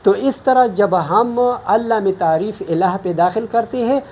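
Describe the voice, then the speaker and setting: A woman's voice: mid-range voice, warm tone, breathy edge. A woman from Pakistan teaching Quran recitation in an online lesson, explaining each rule patiently, step by step.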